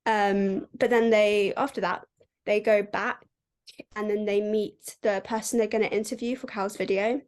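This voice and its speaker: Speaking at normal speed with fairly even intonation, a podcast co-host chats her way through a book recap, saying "like" constantly. Her medium-pitched voice is clean and darkish in tone.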